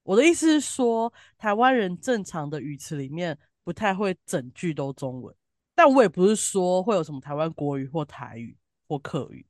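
A woman's voice: lowish voice, very animated, moderate pace, no room sound, clean studio sound. A woman from southern Taiwan with a southern Taiwanese Mandarin accent, chatting casually and bluntly as a co-host with emphatic, colloquial opinions. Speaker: podcast co-host reviewing TV drama.

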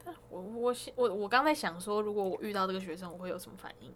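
A woman's voice: mid-range voice, fast. A woman co-host, chatting on a podcast and asking curious follow-up questions. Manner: curious interviewer, reacts with laughs. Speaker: podcast co-host, music graduate. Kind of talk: casual podcast chat.

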